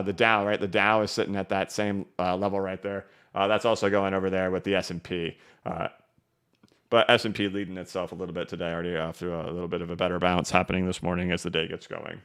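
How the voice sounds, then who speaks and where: A man's voice: low voice, a bit bright, smooth. A man hosting a casual live market stream, rambling with many fillers and "right?" tags. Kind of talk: casual livestream commentary.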